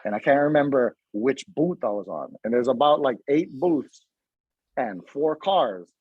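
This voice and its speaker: Husky guy on a podcast, telling a story all animated, dry muffled sound. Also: mid-range voice, no room sound. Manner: animated storyteller, slips into quick voices of others. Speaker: podcast guest. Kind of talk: casual storytelling chat.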